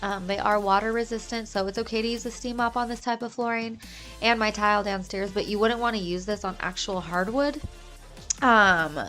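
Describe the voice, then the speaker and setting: A woman's voice: medium pitch, fairly bright tone. Nasal, congested woman chatting over music. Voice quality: nasal, stuffy-nosed. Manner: chatty, explanatory. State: congested with a cold. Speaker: cleaning vlogger and mother. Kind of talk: casual cleaning vlog voice-over.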